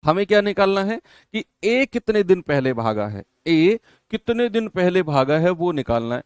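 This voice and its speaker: A man teaching an online exam-prep maths lesson, explaining each step and repeating key phrases while gently scolding his students. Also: high-pitched, big pitch swings, normal speed, smooth, no room sound, clean studio sound.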